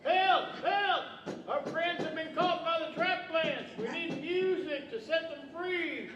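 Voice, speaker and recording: A man's voice: very high-pitched, takes it slowly, muffled recording. A man playing a courtly, scheming, kindly wizard in a 1940s-style radio play on stage, with theatrical delivery. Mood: urgent pleading. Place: large indoor library event hall, live stage. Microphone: stand mics, distant pickup. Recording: echoey hall, distant mic, background noise.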